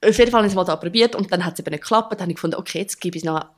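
In a relaxed interview, a young woman who drums talks with a Swiss German accent, racing along in a fairly low voice. She laughs a lot and keeps restarting what she's saying.

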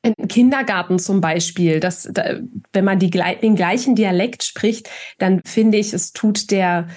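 A woman from eastern Germany, a speech scientist guest on a podcast, explaining her views in a measured, thinking-aloud way. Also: mid-range voice, darkish tone. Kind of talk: expert interview answers.

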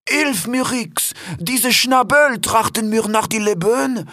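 A man's voice: extremely high pitch, slow pace, sharp tone, no room sound, clean studio sound, voice pushed up, full character voice. A man voicing a large male caracal who begs for help in broken grammar. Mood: pleading. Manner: broken grammar, urgent pleading. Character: big male caracal cat, pleading and hunted.

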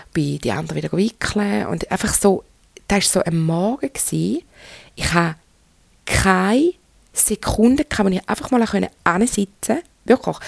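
Frank Swiss German woman, gravelly. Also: mid-range voice, darkish tone, no room sound. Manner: frank and chatty, addresses the listener directly. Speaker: podcast host. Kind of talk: candid solo podcast monologue.

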